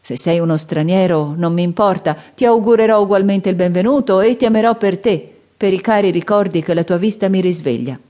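A woman's voice: medium pitch, brisk, dark tone, voice pushed up, lightly acted. A woman voicing a young male outlaw forester who speaks in an earnest, heartfelt way in an audiobook.

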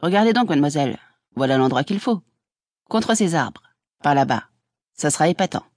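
A woman's voice: deep voice, expressive, normal speed, darkish tone, no room sound. Woman reading friendly working man, plain easy delivery, dry sound. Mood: helpful. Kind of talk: audiobook character voice.

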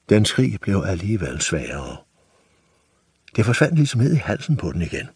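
A man with a husky voice narrating a children's audiobook with expressive storytelling. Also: sits low, no room sound, clean studio sound.

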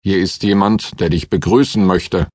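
A man voicing a gruff, commanding male warrior with a booming bass, in an audiobook. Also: normal speed, a little mellow, no echo, studio quality. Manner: booming, stern.

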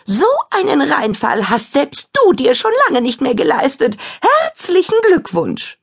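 A woman voicing a mocking, gleeful female witch who sneers at her rival in a high, shrill voice. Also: very animated, a little slow, creaky, full character voice. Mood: gloating.

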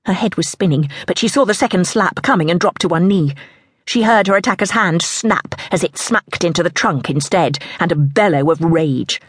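A woman narrating an audiobook in a tense, measured storytelling manner. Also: lowish voice, a little hiss or hum.

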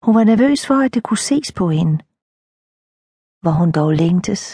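Husky, dark-voiced woman narrating. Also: medium pitch, expressive, no echo, clean studio sound. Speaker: audiobook narrator. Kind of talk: scripted audiobook narration.

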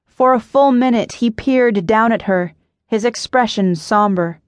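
A woman narrating an audiobook in a measured, even storytelling manner. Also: on the high side, no room sound, studio quality.

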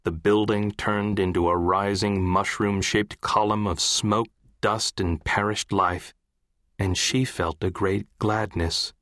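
A man reading literary fiction as an audiobook narrator, in a measured, composed way. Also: fairly low pitch, fairly even intonation, fairly bright tone, no room sound, studio quality.

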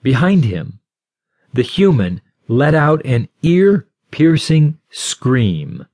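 A man giving a scripted audiobook narration in a slow, measured storytelling manner. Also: mid-range voice, very animated, a little mellow, dry recording, studio quality.

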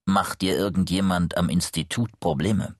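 A man voicing a middle-aged male psychologist in an audiobook, speaking smoothly, evenly and with quiet insistence. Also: sits low, fairly even intonation, moderate pace, no echo, clean studio sound. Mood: soothing. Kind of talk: audiobook character reading.

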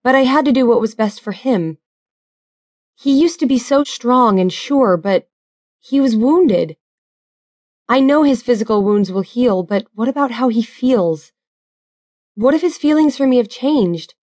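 An anxious young woman awaiting her fiancé, earnest and fretful, her voice pitched a little high, as a woman narrator puts her on. She speaks in a storybook reading, close and dry with no room sound. Her worry runs under every line. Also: animated, a little slow, long pauses, a little mellow, no echo. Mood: worried. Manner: worried, earnest.

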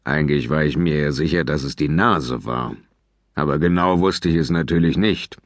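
A man voicing a gruff, grumbling father giant in a children's audiobook, growling his words low and heavy. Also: moderate pace, dry recording.

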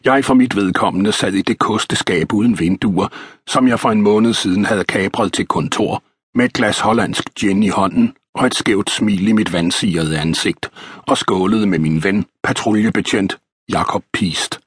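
A man reading a historical novel as an audiobook narrator, in a measured, even storytelling manner. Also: on the low side, husky, no room sound, studio quality.

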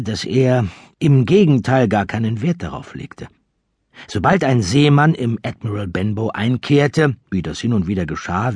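Husky man narrating an audiobook. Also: lowish voice, no echo, studio quality. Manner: lively, expressive storytelling. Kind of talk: scripted narration.

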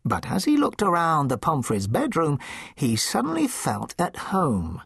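A man narrating a children's storybook in an expressive, playful way. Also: fairly high pitch, a little slow, gravelly, slightly rough, no echo, clean studio sound. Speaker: audiobook narrator.

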